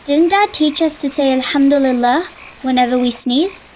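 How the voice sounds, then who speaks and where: A woman's voice: high voice, normal speed, slight background noise, close to an everyday voice, poor audio. A woman voicing an older sister in a dubbed cartoon, patiently explaining things to her little brother. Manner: explaining, gently teaching, a little impatient.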